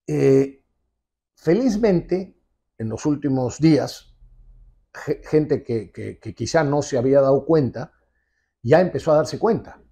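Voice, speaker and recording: A television host in his sixties delivers emphatic, insistent political commentary from an indoor office with a leather sofa, captured on a lapel mic. His medium-pitched voice is creaky and dark, with a slightly rough edge.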